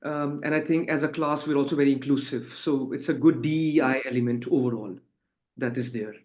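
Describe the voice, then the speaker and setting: Fairly quick and steady, this man's medium-pitched voice has a darkish tone, coming through muffled, dull webinar audio. He's a student on an online panel, speaking casually, rambling somewhat and using tag questions.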